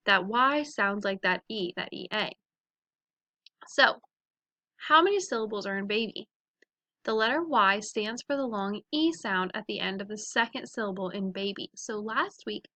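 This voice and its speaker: A woman teaching a phonics lesson to young children, sounding out letters and words slowly and clearly. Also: medium pitch, bright, forceful tone, dry recording.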